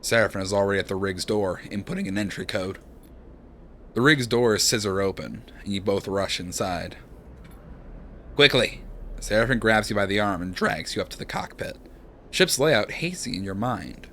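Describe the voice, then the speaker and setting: A young man streaming a narrative game, reading its text aloud in a hushed, dramatic way and chatting with viewers. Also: fairly low pitch, lively intonation, normal speed, a little hiss or hum.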